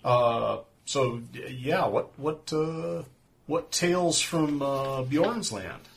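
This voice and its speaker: A man's voice: mid-range voice, takes it slowly, vocal fry, a little hiss or hum. A man playing a character in a tabletop game, talking hesitantly with stumbles. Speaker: player. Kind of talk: tabletop role-play chat.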